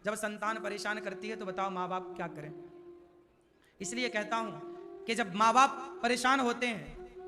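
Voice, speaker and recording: A man's voice: sits high, moderate pace, pauses often, bright, forceful tone, in a large hall. A man preaching a devotional sermon, telling a scripture story and chanting verses in a sing-song way, with asides to the audience.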